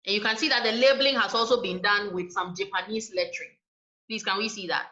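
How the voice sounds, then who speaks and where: A woman lectures to a class in a clear, explanatory manner, often closing points with a quick "right?". Her voice is bright and forceful. The recording is dull and lo-fi, with a roomy echo from the lecture hall. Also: medium pitch. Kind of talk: university lecture. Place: lecture room. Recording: echoey room, dull lo-fi sound.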